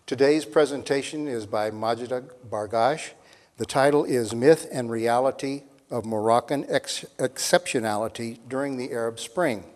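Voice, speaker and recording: An older man, the moderator of a lecture series, reads a speaker's introduction from a sheet at a podium microphone in a measured way. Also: medium pitch, a little mellow. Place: large hall with seated audience. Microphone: podium mic on a stand. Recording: long reverb in a hall.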